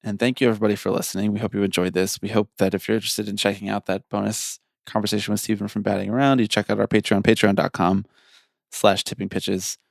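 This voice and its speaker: A man co-hosting a podcast in casual, joking chat. His voice is low and gravelly with plenty of fry, and he laughs easily. The sound is dry and close. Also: level tone, quick pace, no room sound. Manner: joking, laughs often, trails off mid-sentence. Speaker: podcast co-host.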